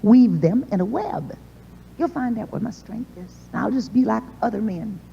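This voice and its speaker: A cocky, proud strongman, voiced by a woman storyteller, tossing off his answers in a folksy, offhand drawl. The voice is mellow and lively. It sits in a long hall echo on a muffled old tape. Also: moderate pace, vocal fry. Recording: dull 1980s tape in a big hall with faint rumble.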